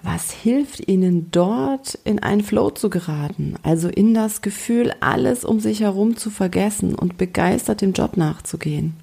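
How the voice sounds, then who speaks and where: A woman coach leading a guided relaxation in a slow, soothing, gentle way. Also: medium pitch, expressive, creaky, husky. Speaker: coach and podcast host.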